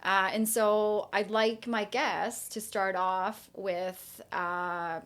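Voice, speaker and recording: Woman in her 40s hosting a podcast, normal pitch, just talking casually. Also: fairly even intonation, drawn-out words, a bit bright. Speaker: podcast host.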